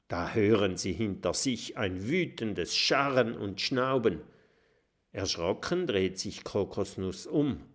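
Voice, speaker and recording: A man narrating a children's audiobook with expressive, dramatic storytelling. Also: fairly low pitch.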